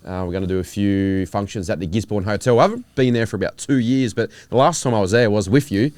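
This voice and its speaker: Smooth-voiced laid-back Australian bloke. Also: male voice, fairly low pitch, fast talker, a little mellow, no echo. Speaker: podcast co-host. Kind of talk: casual pub-style chat.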